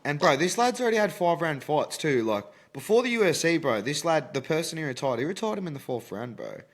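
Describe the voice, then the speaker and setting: A man's voice: on the high side, very animated, a little fast. A young man with an Australian accent having a casual, slangy, blokey sports chat with plenty of swearing. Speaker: fight prediction podcast host.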